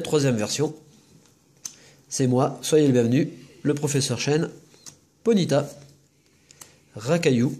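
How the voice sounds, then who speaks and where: A man's voice: mid-range voice, a little mellow, breathy edge. A man hosting a casual video, chatting as he lists each trading card he opens and comments on it. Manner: chatty, listing cards with quick comments. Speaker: host opening trading card packs.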